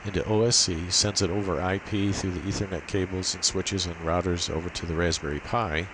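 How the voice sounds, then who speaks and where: An amateur radio demonstrator with a deep, low-pitched voice gives an unscripted technical walkthrough at a fairly quick pace. He explains methodically, step by step, over a steady layer of hiss and noise.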